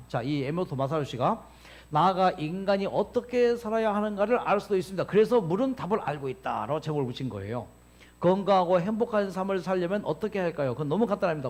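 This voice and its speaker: A man giving a health lecture, asking his listeners questions and answering them himself. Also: a little high. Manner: animated, asks the audience questions and answers himself.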